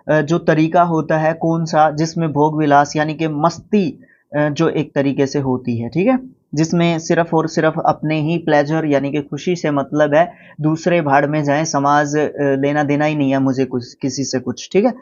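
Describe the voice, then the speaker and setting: A fairly high-voiced man with an Indian accent teaching vocabulary, switching between explanation and slow, deliberate reading of English definitions. The recording is dull and lo-fi. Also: a little mellow. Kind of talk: vocabulary lesson.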